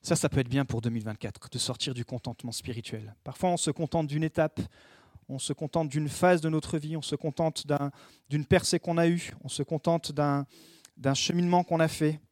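A man preaches with earnest urgency, pressing his congregation with short repeated phrases. His voice sits a bit higher than most men's. The recording is dry and close, with little room sound. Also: fairly even intonation, normal speed, a little mellow, dry recording. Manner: earnest, exhorting, addresses listeners directly with repeated phrases. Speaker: pastor. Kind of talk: sermon.

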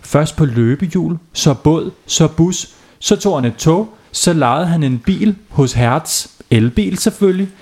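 Playful dad telling a bedtime story. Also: male voice, a little high, lively intonation, hardly any pauses, a little mellow, slightly rough. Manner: playful, asks the children questions. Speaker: father telling bedtime stories. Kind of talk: children's bedtime story narration.

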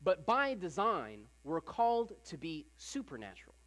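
A preacher giving a conversational Sunday sermon to a congregation, often repeating phrases and filling pauses with "like". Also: mid-range voice, very animated, fairly bright tone. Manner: casual, repeats phrases, frequent "like" fillers.

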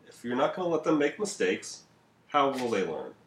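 A man's voice: mid-range voice, big pitch swings, moderate pace, a bit bright. A man co-hosting a casual history podcast, rambling and profane, with laughing asides, recorded at home. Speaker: podcast co-host. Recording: echoey home room.

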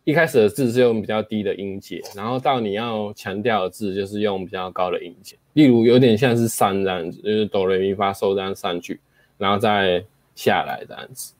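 Man, fairly low voice, very dry close sound, casual explainer, demos phrases aloud, lots of fillers. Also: a little fast, no room sound. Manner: explains with spoken demonstrations and frequent fillers. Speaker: host explaining speaking skills.

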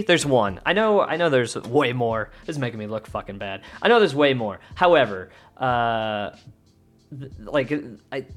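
A man's voice: mid-range voice, a bit bright. A man hosting a podcast, talking casually, rambling and swearing as he searches for words. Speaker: podcast host.

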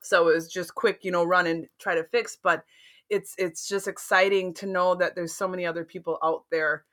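A woman co-hosting a podcast, telling stories in a rambling, animated casual chat. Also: lowish voice, normal speed. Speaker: podcast co-host.

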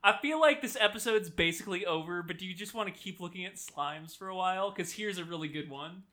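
Woman host, bright voice, casual joking podcast chat. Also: on the low side. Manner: joking, quick sign-off patter.

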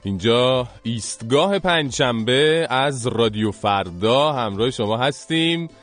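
A man's voice: medium pitch, expressive, fairly bright tone, faint music behind. A man hosting a radio show, teasing his co-hosts in playful studio banter with sing-song greetings. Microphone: studio microphone.

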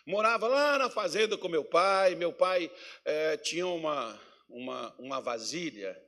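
A middle-aged pastor from Minas Gerais, Brazil, delivers a sermon in a fairly high voice, expressive and a bit slow. He's a folksy storyteller, telling homely tales and moving between loud, ringing declarations and soft, quiet asides.

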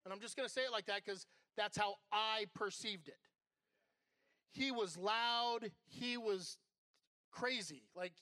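Candid high-voiced man preaching. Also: sharp tone, no room sound. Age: middle-aged. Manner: conversational, candid preaching with personal stories. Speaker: associate pastor. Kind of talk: sermon.

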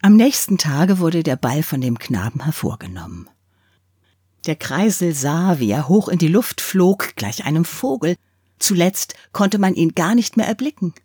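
Female reader for a classic fairy tale, slow and lively in tone, slightly breathy. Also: low voice, no echo, studio quality. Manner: expressive, unhurried storytelling.

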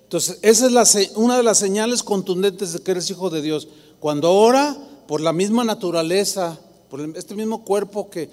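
A man with a Mexican Spanish accent preaching a sermon as pastor, animated and acting out the voices of churchgoers. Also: high-pitched. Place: large church hall. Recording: long hall reverb.

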